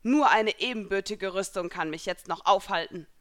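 A woman's voice: medium pitch, moderate pace, no echo, lightly acted. A woman voicing a proud, commanding warrior woman. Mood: scornful. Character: proud armored young woman warrior, stern and confident. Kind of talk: fan fiction audiobook reading.

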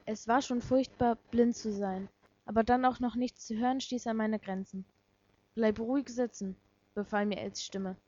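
A woman reading a first-person story aloud in a soft, subdued, dramatic way. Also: on the high side, fairly even intonation, normal speed. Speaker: story reader. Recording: dull lo-fi recording.

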